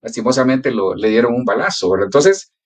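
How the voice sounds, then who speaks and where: A man's voice: mid-range voice, big pitch swings, fairly quick. A male pastor who prays and then teaches a church class, telling stories in a prayerful, earnest way.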